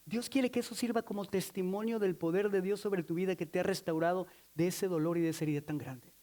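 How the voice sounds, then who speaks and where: A man's voice: high-pitched, fairly even intonation, fast, dark tone. A man from Mexico City with a Mexican accent, preaching a sermon emphatically, calling for responses and teasing the congregation. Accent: Mexican Spanish. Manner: playful teasing asides. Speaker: pastor.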